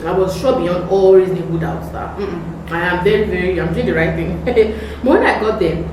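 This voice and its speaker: Nigerian lady chatting and telling church stories, expressive and emphatic, super echoey room, bit far from mic. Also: on the low side, moderate pace. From Ibadan, Nigeria. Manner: expressive, acts out dialogue, emphatic repetition. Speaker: vlogger. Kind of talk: casual personal storytelling with religious testimony. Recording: very echoey room, distant mic, faint noise.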